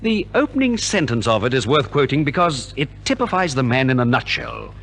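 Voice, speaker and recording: This 1950s radio transcription captures an Australian man narrating as a theatrical, formal compere in a scripted show. His medium-pitched voice is brisk, creaky and fairly bright, swinging widely in pitch.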